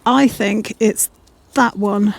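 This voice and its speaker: A woman's voice: mid-range voice, fairly even intonation, slow, vocal fry, no echo. A woman vlogging as she works on her motorbike in a home garage, chatty and self-mocking, reading instructions aloud. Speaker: motovlogger. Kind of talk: casual chat while working on a motorbike.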